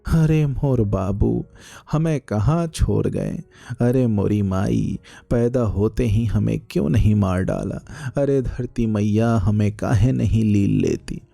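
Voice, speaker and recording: A man's voice: on the low side, slow pace, gravelly, warm tone, no echo, faint music behind, full character voice. A man voicing a poor, hunchbacked young woman who pleads and wails in village dialect. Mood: wailing.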